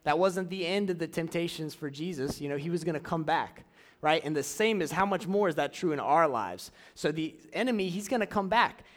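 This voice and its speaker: A young man preaching casually to a church audience, drawing out key phrases slowly and running a live object lesson. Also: a little high, lively intonation, fairly bright tone. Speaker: youth pastor.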